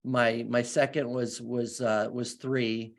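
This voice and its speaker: A man's voice: medium pitch, level tone, slow. A man speaking as a guest, giving an earnest, enthusiastic motivational talk and then answering questions, often restarting his sentences.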